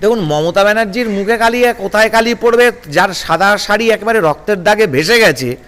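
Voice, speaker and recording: Combative high-voiced man, reverberant sound. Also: brisk, fairly bright tone. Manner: combative, rhetorical, lists grievances in bursts. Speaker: political guest. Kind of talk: heated political interview.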